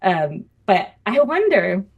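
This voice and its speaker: A woman co-hosting a fan podcast in casual chat, animated and chatty, often breaking into laughter. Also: mid-range voice, slow, phone-quality sound. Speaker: podcast co-host.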